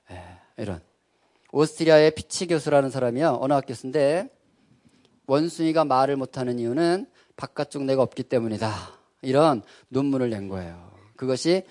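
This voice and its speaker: Male speaker, slightly high voice, animated sermon delivery built on question-and-answer with the audience. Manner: keeps asking the audience questions and answering them; conversational and animated. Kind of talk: sermon-style talk.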